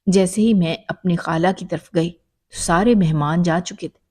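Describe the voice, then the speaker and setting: Female storyteller, warm low voice, emotional first-person narration.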